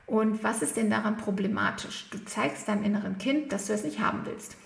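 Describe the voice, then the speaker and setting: A woman coach giving a thoughtful self-help talk, gently searching for words with frequent pauses and fillers. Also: mid-range voice, creaky. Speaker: therapy coach. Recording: echoey room.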